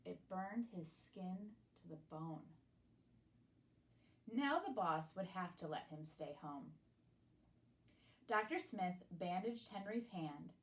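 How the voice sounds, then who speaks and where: With a lowish voice, a woman reads a children's picture book aloud expressively, using deliberate, dramatic phrasing and pauses.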